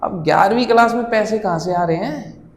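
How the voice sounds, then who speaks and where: A young man doing stand-up storytelling, animated, acting out his friends' lines and swearing freely. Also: high-pitched, a little fast, slight background noise. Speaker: stand-up comedian. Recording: echoey hall with long reverb.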